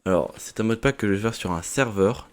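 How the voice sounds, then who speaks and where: A man's voice: lowish voice, brisk, clean tone. A man casually commenting on his own gameplay in French as a YouTuber, thinking aloud with many fillers, on a poorly set-up mic. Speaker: gaming YouTuber. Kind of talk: casual let's-play commentary.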